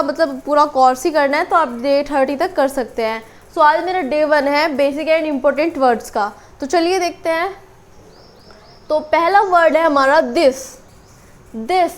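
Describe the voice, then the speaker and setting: A woman teaching English in a casual spoken lesson. She explains slowly and repeats each word, with many fillers. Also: high voice. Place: small room with a board. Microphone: camera on a tripod.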